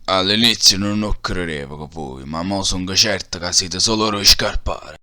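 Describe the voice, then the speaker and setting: A man's voice: low-pitched, normal speed, pushed and bright. A man voicing a taunting, threatening alien warrior villain with a Neapolitan accent in an amateur cartoon parody dub. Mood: mocking, menacing. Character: menacing, mocking male alien warrior villain. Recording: music behind the voice.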